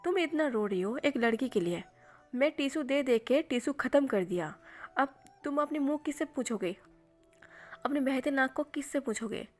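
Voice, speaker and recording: A woman voicing a calm young man who teases and scolds his crying best friend in an offhand way. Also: on the high side, moderate pace, soft background music. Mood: dry, teasing. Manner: dry, offhand, teasing.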